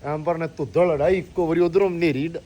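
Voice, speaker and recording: High-voiced, exclamatory Pakistani Punjabi man. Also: fairly even intonation, fast talker, dark tone, highs cut off. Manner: exclamatory, repeating interjections and phrases. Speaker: vlogger. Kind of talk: casual outdoor village vlog chat. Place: outdoors on a village farm in windy, rainy weather. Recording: noisy outdoor recording, faint weather and vehicle noise.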